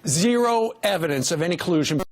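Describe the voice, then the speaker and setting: Male morning-news host, fairly high voice. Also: animated, a little fast. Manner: leading, agreeable interjections.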